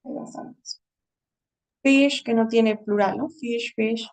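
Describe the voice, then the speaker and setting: A woman's voice: a little high, fairly even intonation, takes it slowly, distant mic, low-quality recording. A woman English teacher giving a writing lesson, explaining patiently and often checking in with her students.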